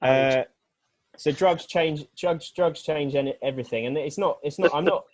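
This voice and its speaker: A British weightlifting coach talking through training ideas on a group video call, earnest and rambling, with many restarts. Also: male voice, on the high side, moderate pace, a little mellow, no echo. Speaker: weightlifting coach, guest speaker.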